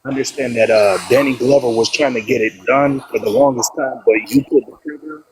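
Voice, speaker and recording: A man's voice: medium pitch, fairly even intonation, a little fast, darkish tone. A male caller of Haitian origin talking as an eager, slangy fan on a bad connection. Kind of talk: casual call-in. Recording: noisy bad phone reception.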